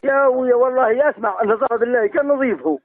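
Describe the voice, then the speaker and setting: A man's voice: very high-pitched, rapid-fire, creaky. An Algerian man on a phone call, evasive and placating, haggling his way around a debt. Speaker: debtor offering used goods instead of money. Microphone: telephone. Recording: tinny, band-limited phone line.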